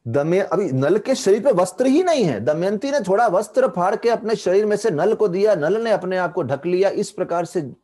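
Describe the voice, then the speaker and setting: A man telling a devotional story as a spiritual teacher, animated, with English phrases mixed in, speaking on an online video call. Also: high voice, normal speed, few pauses.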